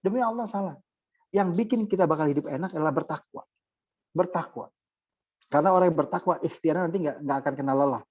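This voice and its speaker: A man giving a casual religious talk as a preacher, lively and chatty, speaking straight to his listeners. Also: a little high, fast talker, highs cut off. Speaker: Islamic preacher.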